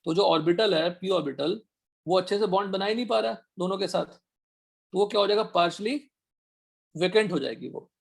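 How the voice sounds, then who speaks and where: A man teaching an online chemistry class, firing quick questions at his students to check they follow. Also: sits high, creaky. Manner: quizzing students with rapid questions. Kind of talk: online chemistry class, Hindi mixed with English.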